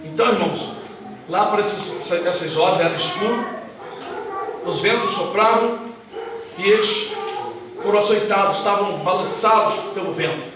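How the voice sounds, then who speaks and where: High-voiced pastor in echoey hall. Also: male voice, moderate pace, long pauses. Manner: conversational preaching, quizzing the congregation. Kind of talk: sermon. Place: church hall with congregation. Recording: very echoey hall, voice far off, faint hiss.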